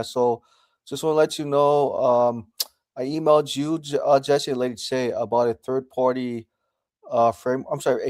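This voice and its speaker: A man's voice: mid-range voice, a little mellow, no echo. Polite man, dry close sound. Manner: polite, accommodating. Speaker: participant in a group call. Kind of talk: casual chat.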